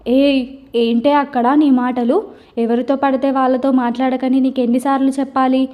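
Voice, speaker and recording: A woman voicing a harsh, angry father who shouts in an audio story. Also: high voice, level tone, normal speed, highs cut off, natural voice. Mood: furious.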